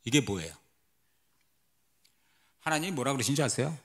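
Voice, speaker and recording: A man's voice: mid-range voice, expressive, moderate pace, a bit bright. A man who is a missionary pastor, giving a testimony sermon at a church service, telling his story dramatically and asking the congregation questions. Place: church sanctuary.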